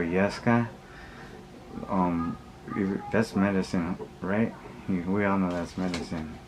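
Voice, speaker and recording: Against clearly audible background ambience, a man vlogger speaks to his viewers in a low, monotone voice. He delivers a casual opinion monologue in blunt street slang, rambling and halting, repeating himself and often backtracking.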